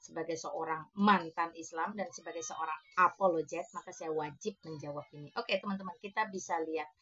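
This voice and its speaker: Bright-voiced woman apologist, lo-fi. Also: sits low, fairly even intonation, fairly quick, breathy edge. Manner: emphatic, rhetorical questions to the audience; mixes in English words. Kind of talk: apologetics monologue to viewers. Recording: dull lo-fi recording.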